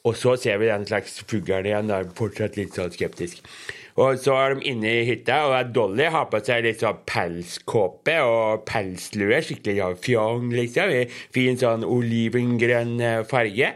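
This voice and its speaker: Young man, podcast host, casual comic read-aloud, rambling, hesitant, mid-pitched voice. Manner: rambling and hesitant, describing panels as he goes.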